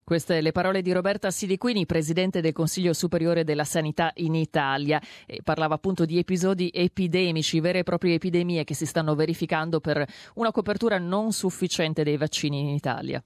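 Calm co-host on a dry studio mic. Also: medium pitch, brisk, few pauses, no echo. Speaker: radio co-host. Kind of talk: radio news presenting.

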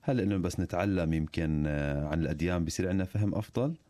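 A man's voice: low voice, very fast, mellow, no room sound. A man co-hosting a radio show in a casual, bantering style. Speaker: radio co-host.

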